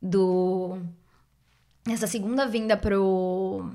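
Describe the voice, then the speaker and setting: A woman's voice: mid-range voice, fairly even intonation, very slow, dark tone. Young woman chatting casually as a podcast guest, mixes in english med words. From Bahia, Brazil. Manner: informal, sprinkles English medical terms into speech. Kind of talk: casual interview storytelling.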